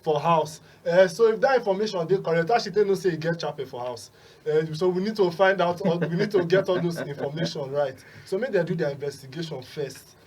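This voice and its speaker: A man's voice: fairly high pitch, fairly quick, darkish tone, breathy edge, recorded from a distance. A Nigerian man speaking Pidgin as a panel analyst, with a hesitant delivery full of filler sounds.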